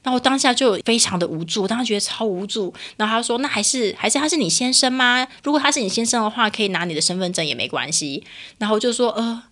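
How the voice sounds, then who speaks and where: A woman with a Taiwanese Mandarin accent, co-hosting a podcast and telling a personal story in a casual, animated way. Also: on the high side, fast. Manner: animated storyteller, voice rises sharply when reliving frustration. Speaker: podcast co-host.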